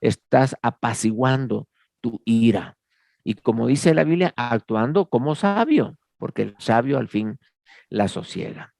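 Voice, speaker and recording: A man's voice: mid-range voice, animated, a little slow, creaky, darkish tone, dry recording. A man teaching a Bible counseling class, earnest, repeating key phrases and quoting scripture. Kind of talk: class lecture.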